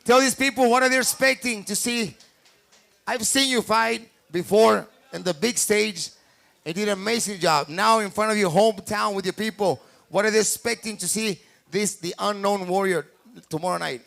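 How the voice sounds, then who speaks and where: A male host hypes up a boxing weigh-in, switching between two languages and repeating drawn-out catchphrases. His voice is extremely high and gravelly, with a bright, forceful edge. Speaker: bilingual weigh-in host and announcer. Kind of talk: hype boxing announcing switching between Spanish and English.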